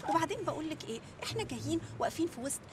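An actress playing a lively, cheeky journalist wife, speaking with an Egyptian Arabic accent in a quick, chatty, teasing way. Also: female voice, high-pitched, noisy background. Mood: soothing. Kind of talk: Egyptian TV sitcom acting.

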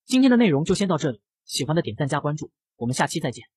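Fast-reading husky male narrator. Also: fairly high pitch, big pitch swings, darkish tone, dry recording. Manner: brisk storytelling. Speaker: comic recap narrator. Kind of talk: scripted comic narration.

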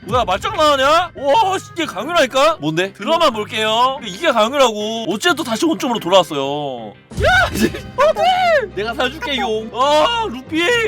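A man streamer reading and reacting to chat messages live, mocking and loudly animated. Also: extremely high pitch. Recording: music playing behind.

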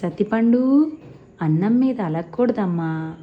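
A woman's voice: medium pitch, animated, a little slow, highs cut off, natural voice. Woman voicing a teasing young wife. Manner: teasing, mischievous.

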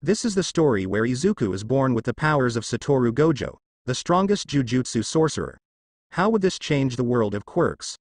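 A man's voice: medium pitch, sing-song, moderate pace, dry recording, clean studio sound. A man narrating a scripted fan story in a dramatic storytelling manner.

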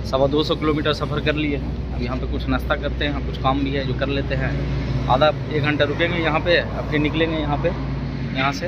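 Guy in his 30s filming himself on a phone by the highway, chatting to viewers, loud road noise. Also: lo-fi sound. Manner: chatty, talks straight to viewers. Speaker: motorcycle vlogger. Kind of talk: casual travel vlog. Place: outdoors by a highway and a roadside restaurant. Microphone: phone camera at arm's length. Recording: loud traffic and wind noise.

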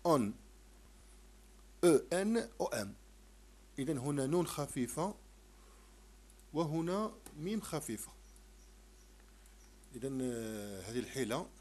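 A man teaching a primary-school French lesson, slowly sounding out syllables and repeating them. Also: on the high side, a little mellow. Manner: slow, repetitive, sounds out syllables.

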